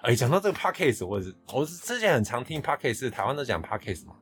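A man from Hong Kong with a Taiwanese Mandarin accent, hosting a casual podcast chat, chatty and quick to laugh. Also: mid-range voice, very animated, a bit bright, faint music behind. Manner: chatty, laughs often, quotes others. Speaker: podcast host.

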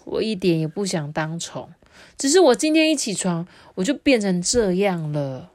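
A woman voicing a small boy turned into a beetle, speaking slowly and hesitantly in a read-aloud storybook. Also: lowish voice, sing-song, a little mellow.

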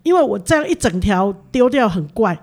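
A woman's voice: medium pitch, big pitch swings, fairly quick, a little mellow. A woman with a Taiwanese accent, a chat show co-host telling stories in a casual conversational way.

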